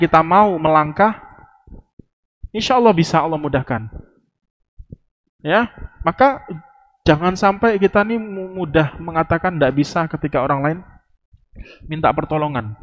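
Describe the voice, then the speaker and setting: A man giving a mosque study lecture in a relaxed, conversational way. He repeats phrases for emphasis and acts out short quoted exchanges. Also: fairly high pitch. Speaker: religious teacher.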